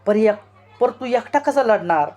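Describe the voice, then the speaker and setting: Brief: man voicing an anxious village sidekick, high and pleading. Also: animated, unhurried, darkish tone. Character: worried loyal village man, companion.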